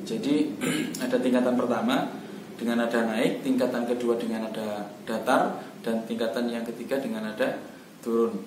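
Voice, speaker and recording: A man's voice: mid-range voice, fairly even intonation, moderate pace, pauses often, darkish tone. Man, recitation teacher, patient explaining, echoey room, faint background noise. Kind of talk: instructional talk. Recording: roomy echo, distant mic, faint background noise.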